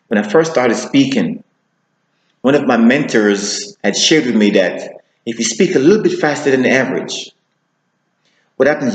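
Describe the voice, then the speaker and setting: Man coaching public speaking, echoey room. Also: mid-range voice. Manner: shifts pace deliberately, slowing for emphasis. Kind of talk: instructional talk to camera.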